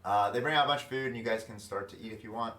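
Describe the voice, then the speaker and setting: Low-voiced man running a tabletop game. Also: rapid-fire, slight background noise. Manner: excitable, laughs often. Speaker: dungeon master. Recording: echoey room, mic far off.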